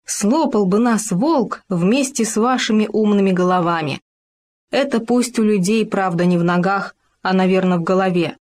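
A woman voicing a boisterous fat male hare who talks loudly and heartily. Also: medium pitch, moderate pace, natural voice. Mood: hearty. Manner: loud, hearty exclamations.

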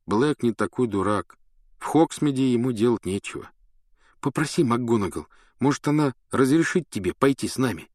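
A man's voice: mid-range voice, expressive, normal speed, dry recording, clean studio sound, pitched above the performer's own voice, close to an everyday voice. A man voicing an indignant, hot-tempered teenage schoolboy in an audiobook. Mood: coaxing. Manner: loud, indignant, grumbling.

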